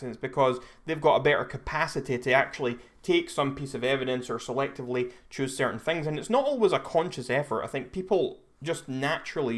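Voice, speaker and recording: A young Scottish man hosting a live stream, chatting casually and rambling with frequent restarts and self-corrections. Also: medium pitch. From Scotland. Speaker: livestream host.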